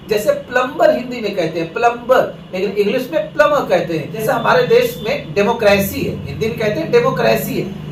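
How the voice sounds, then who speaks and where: Man from India explaining at a middle pitch, set back from the mic in a reverberant room with faint ambient noise. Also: far from the mic. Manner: explaining, addresses viewers as friends. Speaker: English teacher. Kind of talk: Hindi lesson talk.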